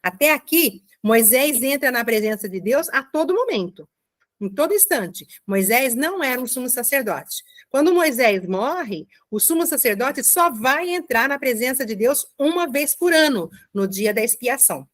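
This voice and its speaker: A woman giving a commented Bible reading, explaining slowly with frequent checking asides. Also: sits high, expressive. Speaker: Bible teacher.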